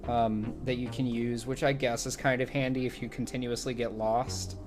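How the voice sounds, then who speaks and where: A man's voice: medium pitch, little pitch movement, normal speed, music in the background. A man co-hosting a casual gaming podcast, complaining about games in a dry, wry way. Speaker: podcast co-host.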